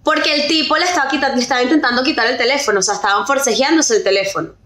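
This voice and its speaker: High-voiced Venezuelan woman telling a story. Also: rapid-fire. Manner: animated, mixes in English words. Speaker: podcast co-host. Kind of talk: casual storytelling chat. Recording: roomy echo.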